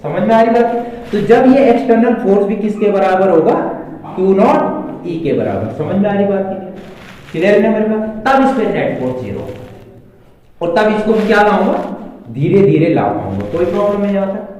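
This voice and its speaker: A male physics teacher lectures a class in a high, mellow voice, stopping again and again to ask his students if they follow. He is picked up from a distance in a very echoey classroom with a long reverb. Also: very animated, moderate pace. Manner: keeps asking the class questions to check understanding.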